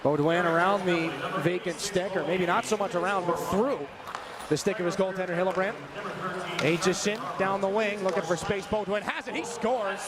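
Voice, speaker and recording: A man calls hockey play-by-play in a fairly high voice. He follows each pass and shot as it happens. A very loud arena crowd surrounds him. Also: steady tone, normal speed. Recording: distant sound amid loud crowd.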